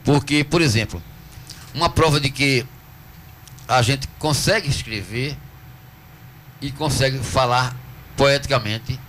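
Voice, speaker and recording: A man with a Northeastern Brazilian accent speaks in a mid-pitched voice as a guest in a radio studio. He explains patiently and like a teacher, drawing out words to mark rhythm and syllables. A faint hiss sits under the recording. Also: a bit bright. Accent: Northeastern Brazilian Portuguese. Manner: earnest, teacherly, slows to stress syllables. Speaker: cordel poet, interview guest. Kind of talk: radio interview, explaining at length.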